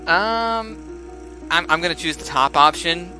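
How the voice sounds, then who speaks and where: A man's voice: on the high side, measured pace, music in the background, low-quality recording. A young man commentating as he plays a story game, chatty and musing aloud with frequent laughs. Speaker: let's play gamer.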